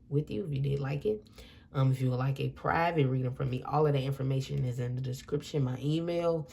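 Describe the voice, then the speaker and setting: A woman's voice: rumbling low, vocal fry, mellow. A woman giving a casual tarot reading to her viewers, rambling a little and repeating and correcting herself as she goes. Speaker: tarot reader.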